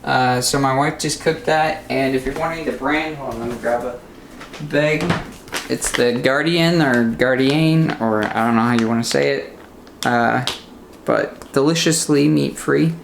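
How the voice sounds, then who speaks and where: A man's voice: medium pitch, fairly even intonation, moderate pace, gravelly, roomy sound, background noise. A young man vlogging casually from his home kitchen, talking in a rambling, easygoing way full of fillers. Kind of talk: casual vlog chat.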